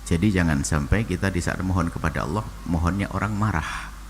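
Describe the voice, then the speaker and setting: A man preaching and answering a listener's question, talking in an animated way that swings from low and soft to high exclamations. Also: fairly quick. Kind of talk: sermon. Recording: long hall reverb, faint noise.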